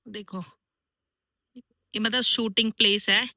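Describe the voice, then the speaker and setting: एक युवा गढ़वाली महिला व्लॉगर, जो दर्शकों से दोस्तों की तरह बातें करती हुई अपने गाँव से दिल्ली रवाना होने का हाल सुनाती है।. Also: female voice, medium pitch, fairly even intonation, slow pace, pushed and bright, no room sound. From Garhwal, Uttarakhand. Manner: chatty, addresses viewers as friends. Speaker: vlogger. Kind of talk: casual travel vlog.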